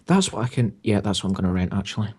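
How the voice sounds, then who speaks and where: A man's voice: lowish voice, big pitch swings, quick pace, a little mellow, husky. A man chatting casually as a commentator on video game cutscenes. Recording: game music behind.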